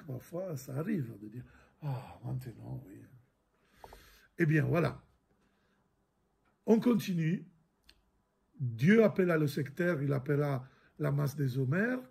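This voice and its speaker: A middle-aged priest gives a catechism lesson, reading scripture and then explaining it. His voice sits a little high for a man and has a husky, gravelly grain. He talks very slowly, stumbling over words and repeating them as he works through each passage. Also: a little mellow. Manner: slow, halting, repeats words, many fillers.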